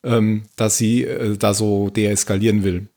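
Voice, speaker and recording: Low, husky man chatting casually. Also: flat delivery, mellow. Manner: thinking aloud, with quick fillers. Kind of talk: casual chat recapping a TV episode.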